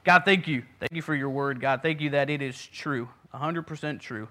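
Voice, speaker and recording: A pastor in his thirties who grew up in Puerto Rico preaches a sermon, earnest and self-deprecating in his asides and restarting often. His medium-pitched voice sounds pushed and bright at a moderate pace.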